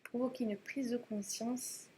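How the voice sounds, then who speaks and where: A woman's voice: a little high, fairly even intonation, a little slow, dark tone, slight background noise. A woman giving a casual tarot reading to camera, chatty and hesitant, with many fillers and restarts. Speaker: tarot reader.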